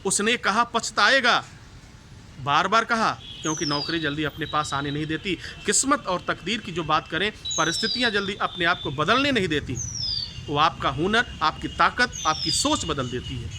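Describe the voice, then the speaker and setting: High-voiced man giving a declamatory speech. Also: animated, normal speed. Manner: declamatory, repeats each line for emphasis. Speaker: motivational speaker for students. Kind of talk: motivational speech. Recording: clear background noise.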